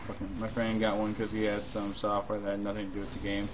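A man's voice: on the low side, completely flat delivery, fast talker. A young man giving casual live game commentary in a laid-back, musing way, swearing casually as he plays. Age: young adult. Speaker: game streamer. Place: indoor room at a computer. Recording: noisy stream with keyboard clatter. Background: keyboard typing, game sounds.

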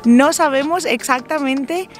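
Lively high-voiced woman vlogging. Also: unhurried, faint music behind. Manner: lively, laughing, chatty. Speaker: travel vlogger. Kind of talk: casual chat to camera. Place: outdoors at a sunny campsite. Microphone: on-camera mic, selfie framing.

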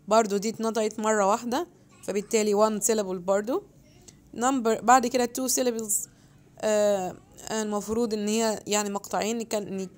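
A young woman with an Egyptian Arabic accent explains an English activity book page by page. She reads the English prompts slowly and carefully and mixes English words into her Arabic explanations. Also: on the high side. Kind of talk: homework walkthrough lesson.

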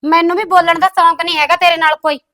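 A woman's voice: very high-pitched, flat delivery, fast, bright, forceful tone, no room sound, studio quality. A woman playing a defensive young sister-in-law who complains that she does all the housework. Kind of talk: comedy skit acting.

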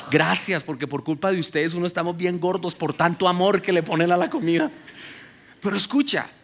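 A male pastor preaching a sermon to a congregation, moving between loud, rising exhortation and hushed storytelling, with humorous asides. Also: medium pitch.

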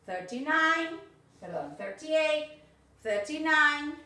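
Rioplatense woman, young-learner English teacher, high and bright, recorded off-mic in a very echoey room. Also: far from the mic. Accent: Rioplatense Spanish. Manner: animated, encouraging, mixes Spanish and English, slow repeated drills. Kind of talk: online video class for children.

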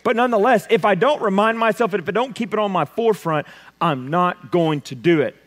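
A man preaches from the pulpit, his somewhat high voice carrying a long church reverb. He drives his points with loud emphasis, then drops to a hushed, intense delivery. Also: brisk. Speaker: pastor. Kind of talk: sermon. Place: church sanctuary.

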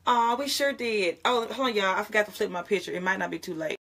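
A woman's voice: mid-range voice, fast, fairly bright tone, slight background noise. A young woman pastor, chatting casually with viewers on a morning livestream and praying, often laughing and calling them y'all. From Jackson, Mississippi. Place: home closet.

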